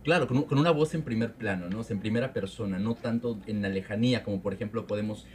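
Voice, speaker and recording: A man's voice: lowish voice, quick pace, darkish tone, slight background noise. A man speaking as an interviewer in a conversational discussion, explaining a point informally.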